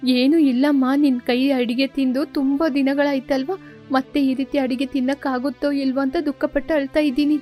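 A woman voicing a meek, humble young village woman who speaks gently and earnestly in a storybook tale. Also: sits high, little pitch movement, normal speed, soft background music, lightly acted. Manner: gentle, pleading. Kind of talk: storybook character voice.

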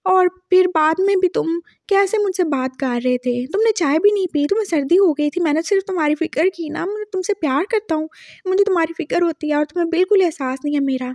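A woman's voice: high-pitched, lively intonation, normal speed, no echo, clean studio sound. A woman voicing a tearful, touchy young man who complains in a whiny rush. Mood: tearful, hurt.

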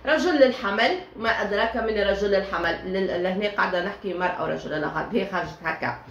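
A woman's voice: medium pitch, fast, a bit bright. A woman with a Tunisian accent giving a chatty tarot reading, talking straight to her listeners with many fillers. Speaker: tarot reader. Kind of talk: casual tarot reading monologue. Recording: echoey room with faint ambient noise.

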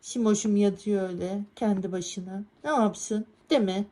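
A woman vlogging casually from a village house, calling and cooing to her cats in a high, excited voice and laughing often. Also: normal speed.

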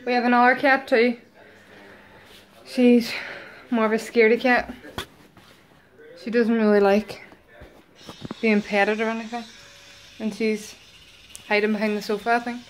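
A woman's voice: fairly high pitch, level tone, measured pace, pauses often. A young woman chatting casually to camera as a vlogger, talking to her baby and pets and swearing offhandedly. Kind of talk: casual vlog chat. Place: home and then out in town.

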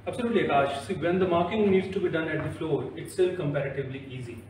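A man's voice: fairly high pitch, quick pace, slight background noise. A man with an Indian English accent presenting tools on a construction site in a persuasive way. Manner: persuasive, keeps recommending. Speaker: product presenter. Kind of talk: on-site product demo chat. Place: construction site, then service center. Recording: echoey site from a distance.

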